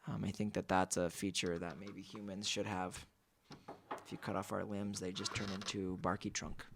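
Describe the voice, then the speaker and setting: A young man chats casually in his vlog with a goofy, deadpan sense of humor. He is a singer-songwriter talking between songs in an offhand, playful way. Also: deep voice, normal speed, creaky, noisy background. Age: young adult.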